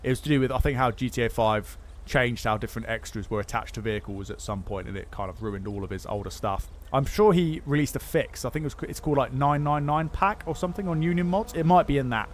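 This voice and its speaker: On a game livestream, a male streamer with a mid-range voice chats casually and answers viewer questions. He talks quickly with hardly any pauses, rambling along with lots of fillers and restarts.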